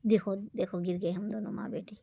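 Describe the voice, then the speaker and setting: A middle-aged woman with a Gujarati accent chatting through a casual travel vlog on a phone camera, repeating herself and often dropping to a hushed whisper. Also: mid-range voice, flat delivery, normal speed, gravelly, no room sound, lo-fi sound. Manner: chatty, repeats "look" over and over, mixes Gujarati and Hindi. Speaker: vlogger. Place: outdoors at a beach.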